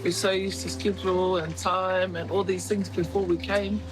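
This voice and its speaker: A man's voice: high voice, little pitch movement, normal speed, music in the background, poor audio. A man speaking reflectively in an unscripted interview. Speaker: documentary participant.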